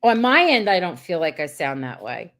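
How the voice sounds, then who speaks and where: A woman's voice: on the low side, sing-song, normal speed, a bit bright. A woman hosting a casual live-stream chat over a video call, talking in a rambling way with many restarts. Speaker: host.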